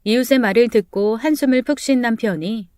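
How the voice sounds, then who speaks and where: A woman's voice: fairly high pitch, a little fast, mellow, no room sound, clean studio sound. A woman narrating a true-life story in a plain, gossipy storytelling way.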